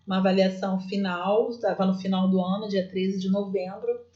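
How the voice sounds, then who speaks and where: A woman's voice: medium pitch, fairly even intonation, a little fast, warm tone, echoey room, highs cut off. A woman teacher with a Brazilian Portuguese accent, explaining her classroom literacy work in a chatty way, full of fillers and restarts. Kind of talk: explaining classroom practice to viewers.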